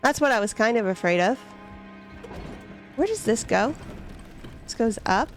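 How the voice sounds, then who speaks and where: A young woman streams a game, chatting casually, giggling and talking to herself as she plays. Her fairly high voice is lively in intonation and unhurried, with soft music in the background.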